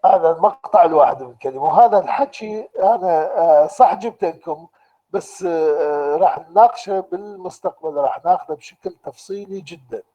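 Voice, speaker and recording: Speaking with an Iraqi Arabic accent, a man delivers an online university lecture, explaining slowly and deliberately and repeating each point in two languages. His voice is high, and the recording's upper frequencies are cut off.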